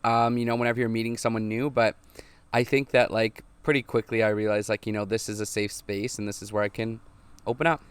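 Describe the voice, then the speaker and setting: A man's voice: lowish voice, level tone, brisk, clear, resonant tone, no room sound. A man in his twenties co-hosting a podcast, chatting candidly and reflectively with lots of "like" fillers. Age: 20s. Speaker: podcast co-host. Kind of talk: casual chat.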